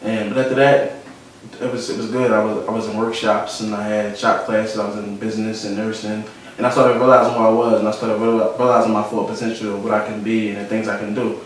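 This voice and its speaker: A young Philadelphia-born photographer talks fast in a low, flat voice while reflecting on his life in a relaxed studio interview, frequently repeating phrases in his Philadelphia accent. The recording is echoey, made with a mic placed at a distance, and has a little hiss or hum.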